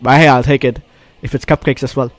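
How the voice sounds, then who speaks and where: A fast-talking man with a mid-range voice and little pitch movement hosts a game walkthrough in a dry recording. He reads the on-screen narrative aloud and reacts with exclamations over game music.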